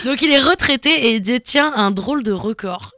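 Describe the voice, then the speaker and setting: A woman's voice: on the high side, expressive, normal speed, pushed and bright, no echo. A woman in casual radio chat, playful and cheeky as she poses a quiz question.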